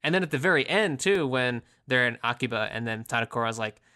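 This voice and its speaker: A man's voice: medium pitch, expressive, fast, sharp tone. A man co-hosting a podcast, chatting casually and rambling through scene recaps with filler words. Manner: rambling, acts out characters' lines in quotes. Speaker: podcast co-host.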